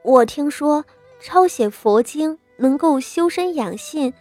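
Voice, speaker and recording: A woman's voice: high voice, lively intonation, takes it slowly, darkish tone, soft background music, voice pushed up. A woman voicing a timid, sickly young noble girl who speaks meekly and stammers a little. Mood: meek, pleading. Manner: meek, hesitant, stammering.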